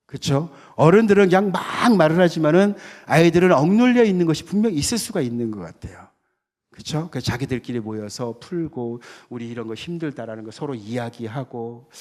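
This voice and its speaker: A missionary pastor delivers a sermon as if he were chatting with the congregation, often stopping to ask for their agreement. His voice sits a little high for a man. He also tells stories and acts out the characters in them. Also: darkish tone. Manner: conversational, keeps asking the congregation to agree.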